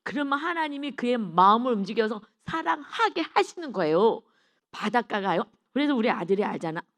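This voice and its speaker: A woman's voice: a little high, sing-song, brisk, fairly bright tone. A middle-aged woman preacher giving a dawn sermon, telling a personal testimony in an earnest, emotional way and often turning to speak straight to the congregation. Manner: earnest, emotional storytelling with rhetorical asides to the congregation.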